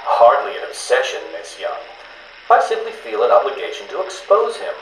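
A man's voice: medium pitch, wildly swooping pitch, moderate pace. An actor playing a smug, arrogant male riddle-obsessed villain, heard played back from a cassette interview tape, with a condescending, mocking, theatrical manner. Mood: contemptuous. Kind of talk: video game voice acting. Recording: roomy, faintly hissy tape recording.

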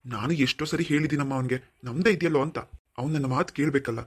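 A man's voice: medium pitch, very fast, slightly rough, natural voice. An actor playing a wealthy middle-aged father who owns a company, affectionate but insistent. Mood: fatherly. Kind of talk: cartoon voice acting.

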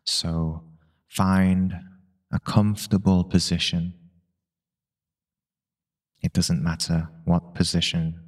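Guiding a meditation, a deep-voiced man speaks calm instructions in brief, leisurely phrases, leaving long silences between them.

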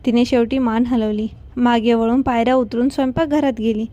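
Woman storyteller, scripted narration, steady delivery; voice sits fairly high, tone mellow. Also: fairly quick, dull audio.

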